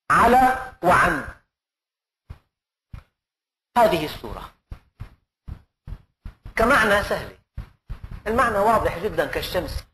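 A man's voice: high voice, fairly bright tone, a little hiss or hum. An older man preaching in an earnest style, full of rhetorical questions and emphatic rises. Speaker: preacher giving Quran commentary. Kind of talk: sermon.

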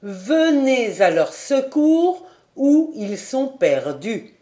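Picture an excitable, learned male geographer from an old adventure novel, pressing his theory with eager emphasis, as a woman reading the audiobook puts him on. The voice is mellow and unhurried, pitched a little raised when he gets carried away. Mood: slow reciting.

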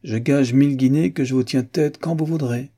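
A man voicing a boastful, reckless young gentleman in an audiobook reading, excitable and brash. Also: mid-range voice, normal speed, pitched above the performer's own voice, natural voice.

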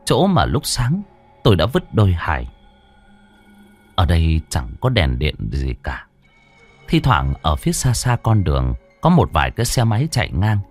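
A man's voice: deep voice, darkish tone. A man narrating a ghost story in a dramatic, suspenseful way.

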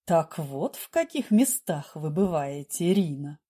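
A curt middle-aged boss speaks in a lowered, clipped voice, as a woman reader puts him on. He sounds commanding and quick to lose patience. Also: very animated, mellow, breathy edge, full character voice. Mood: playful. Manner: low, clipped, irritated.

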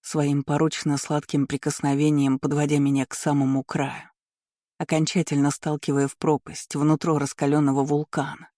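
Male audiobook narrator, romance; steady, flat delivery, dry sound. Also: a little high, normal speed, dry recording. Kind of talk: first-person romance novel narration.

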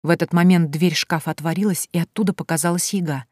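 A woman narrating an audiobook in steady scripted storytelling. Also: fairly low pitch, quick pace, dry recording, clean studio sound.

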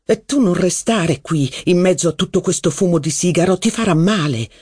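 A man voicing a jealous, gloomy young aristocratic officer in an audiobook, speaking slowly. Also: high voice, a little mellow, breathy edge, no echo, clean studio sound, voice pushed up. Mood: pleading. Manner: slow, brooding, pleading. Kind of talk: audiobook character voice.

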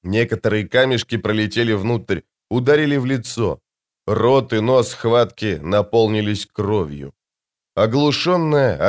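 A man narrating an audiobook in an expressive, dramatic manner with tense, measured delivery. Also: fairly low pitch.

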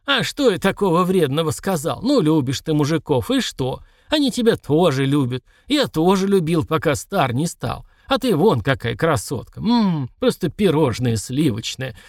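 A man's voice: fairly high pitch, very animated, moderate pace, few pauses, no room sound. A man voicing a grumpy, cheeky old male servant of about eighty who scolds and grumbles, in a dry audiobook recording. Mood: grumbling.

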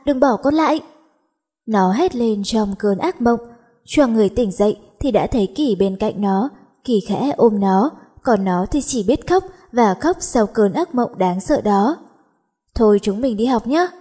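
A woman narrating a Vietnamese romance audiobook in a steady, even reading voice. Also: mid-range voice, slightly rough. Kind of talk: scripted story narration.

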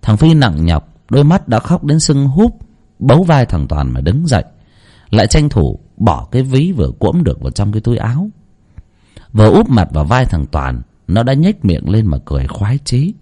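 A man narrating a horror story audiobook in a dramatic, expressive storytelling manner. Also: fairly low pitch, moderate pace, breathy edge.

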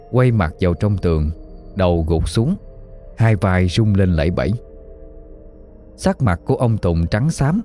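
Deep-voiced man telling a ghost story. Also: mellow. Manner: dramatic, suspenseful telling.

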